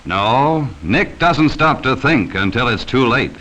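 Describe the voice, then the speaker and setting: An American man narrates a 1940s educational safety film from a script, sternly warning children directly, heard on a vintage film soundtrack. His mid-range voice is animated, slow, pushed and bright.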